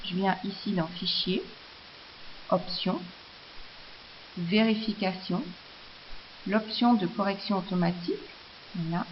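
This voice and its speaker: A woman explaining software step by step in a screencast tutorial, hesitant, with many fillers and restarts. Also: mid-range voice, fairly even intonation, slow pace, long pauses. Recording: slightly dull lo-fi audio with faint hiss.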